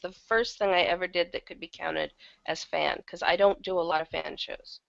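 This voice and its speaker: An audio drama producer and audiobook narrator appears as an interview guest, chatting casually in a loose, conversational way and sometimes correcting herself. Her voice is on the low side and gravelly, with fairly even intonation at a normal speed, in a dry recording with the highs cut off.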